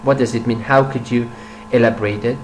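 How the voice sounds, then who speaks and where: An older man teaching an English vocabulary lesson, switching between quick explanations in his own language and slow, careful English reading. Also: mid-range voice, fairly even intonation, slight background noise, poor audio.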